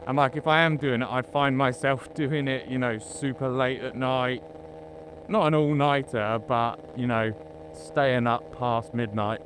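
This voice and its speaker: With a steady tone in a mid-range voice, a British rider speaks a little slowly, rambling to his vlog audience as he rides. The helmet mic picks up engine hum and road noise.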